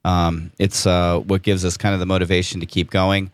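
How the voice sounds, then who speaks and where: A man in his thirties hosts a casual podcast with a jokey, upbeat manner, sprinkling in "y'all" and "dude." His voice sits a bit low. The studio sound is close and completely dry. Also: flat delivery, normal speed, smooth, no room sound. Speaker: podcast host.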